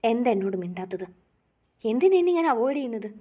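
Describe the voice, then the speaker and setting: A woman's voice: a little high, sing-song, fast talker, phone-quality sound. A woman voicing a tearful, pleading young bride-to-be in a storybook reading. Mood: accusing. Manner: pleading, distraught. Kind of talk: storybook narration.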